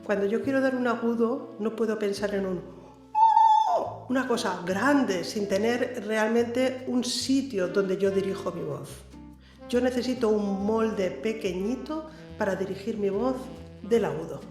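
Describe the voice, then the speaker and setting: A woman's voice: medium pitch, measured pace, a little mellow. Woman singing coach, emphatic tutorial delivery, roomy echo, faint music bed. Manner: emphatic, addresses viewer directly with frequent "¿eh?". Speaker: singing teacher. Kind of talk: vocal coaching lesson to camera. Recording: echoey room with faint background music.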